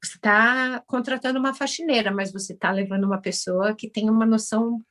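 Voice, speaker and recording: A Brazilian woman in her forties, an orthodontist now working as a house cleaner, tells her story as a guest in a relaxed interview. Her voice sits slightly high for a woman, and she speaks fairly quickly and with animation, putting on little voices to act out what others said.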